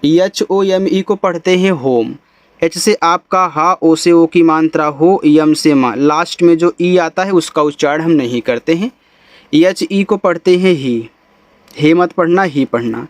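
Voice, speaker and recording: Slow, high-voiced man teaching phonics. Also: no echo. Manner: slow, patient, spells letters then sounds words out, repeats quiz questions. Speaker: English teacher. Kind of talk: Hindi-language phonics lesson, spelling out English words letter by letter.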